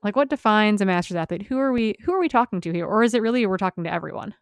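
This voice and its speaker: A woman's voice: medium pitch, racing, smooth, no room sound, studio quality. A young woman hosting a podcast interview, chatty and upbeat, peppering her talk with "like". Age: young adult. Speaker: podcast host. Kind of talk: casual interview chat.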